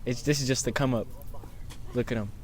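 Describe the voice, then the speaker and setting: A man's voice: medium pitch, fairly even intonation, fairly quick, a little mellow. A young man in casual vlog banter, slangy and profane, goading his friends. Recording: vlog amid noisy group chatter.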